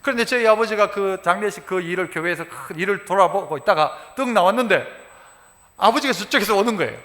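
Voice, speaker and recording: Animated high-voiced pastor in a reverberant church. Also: male voice, quick pace. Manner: animated, quotes dialogue in dialect, shouts for emphasis. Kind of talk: sermon. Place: church sanctuary. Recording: church sanctuary with long reverb.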